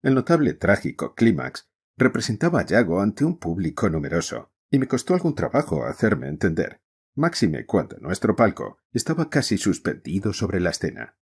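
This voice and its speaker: A man narrating an audiobook in an expressive storytelling manner. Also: on the low side, normal speed, breathy edge.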